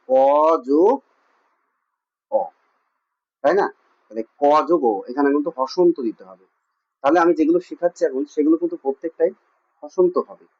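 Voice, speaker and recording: A man's voice: fairly high pitch, breathy edge. A man teaching a lesson with a West Bengal Bengali accent, asking questions and answering them himself with lots of repetition. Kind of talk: classroom lesson. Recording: muffled lo-fi recording.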